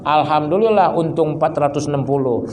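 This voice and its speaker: A man's voice: on the high side, fairly quick, darkish tone, a little hiss or hum. A man with a Betawi Jakarta accent preaching a sermon, joking and acting out little dialogues in different voices. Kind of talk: Islamic study sermon.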